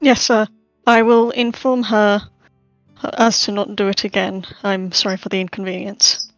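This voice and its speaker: A woman playing a polite, sensible young adventurer in a tabletop game, measured and dry in manner, on a slightly dull microphone. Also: medium pitch, flat delivery, no room sound, soft background music, close to an everyday voice. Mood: polite, deferential.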